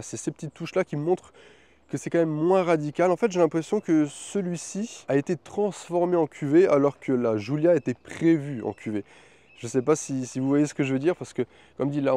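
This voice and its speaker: An eager man hosts a car review, talking in a chatty, exclamatory way. His voice sits a little high for a man yet stays warm and mellow. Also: no room sound. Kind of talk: enthusiastic car review vlog.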